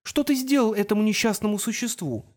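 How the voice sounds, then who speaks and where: A man reading as a curious young woman in an audiobook, voice lifted high and light. She speaks earnestly and with wary interest. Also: fairly quick, natural voice. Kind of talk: audiobook character voice.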